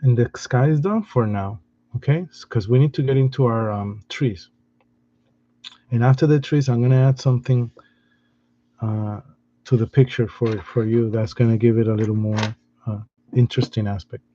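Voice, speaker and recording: A man giving a step-by-step drawing lesson in a patient, soft-spoken way, often restarting his sentences. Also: mid-range voice, normal speed, dull audio. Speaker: art teacher.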